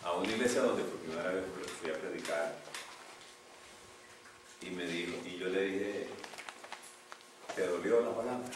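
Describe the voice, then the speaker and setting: An older man, a pastor, preaching a sermon with animated swings between loud outbursts and hushed asides. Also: low-pitched, measured pace, long pauses. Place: church sanctuary. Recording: echoey church from a distance, noisy.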